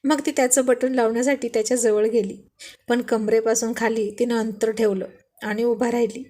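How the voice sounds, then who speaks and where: A woman's voice: a little high, steady tone, normal speed, mellow. A woman narrating a romantic story in a plain storytelling manner, voicing all the characters herself.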